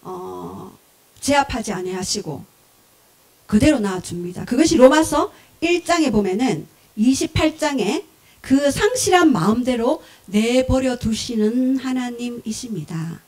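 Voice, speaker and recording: A woman pastor preaching a sermon, telling parables in an animated way, acting out short voices and asking the congregation questions. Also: fairly high pitch, unhurried.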